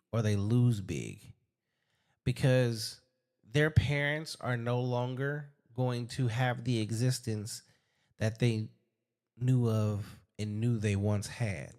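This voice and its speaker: Male host, mid pitch, emphatic and repetitive, slows for key points, on a call. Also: a little mellow. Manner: emphatic, repeats himself, speaks slowly to stress points. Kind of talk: casual call conversation.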